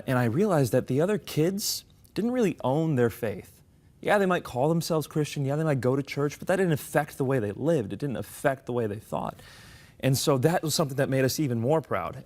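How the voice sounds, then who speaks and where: A man's voice: medium pitch, darkish tone. A young adult man from the United States, a guest in an interview, telling his life story in an earnest, articulate way. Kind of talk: conversational interview.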